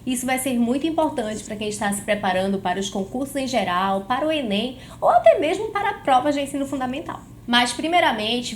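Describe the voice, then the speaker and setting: High-voiced woman teaching a grammar lesson. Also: a little hiss or hum. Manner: clear, didactic, slows down to stress example words. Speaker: Portuguese teacher.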